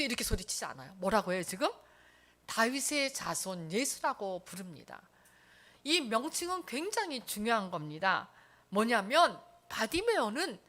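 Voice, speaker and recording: Lively, high-voiced woman preaching a sermon. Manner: animated storytelling, speaks to the congregation; acts out the crowd's lines in quotes. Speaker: pastor. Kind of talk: Sunday sermon.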